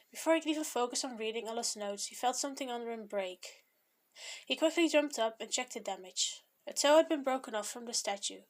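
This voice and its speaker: Woman reading fan fiction aloud. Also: a little high. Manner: reads with occasional stumbles and restarts. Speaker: fanfiction reader.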